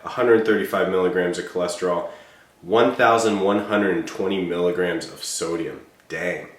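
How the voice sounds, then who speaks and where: A man's voice: lowish voice, echoey room. Congested man hosting a food review. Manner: chatty, self-deprecating. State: congested from a cold. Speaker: host. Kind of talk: casual food review vlog.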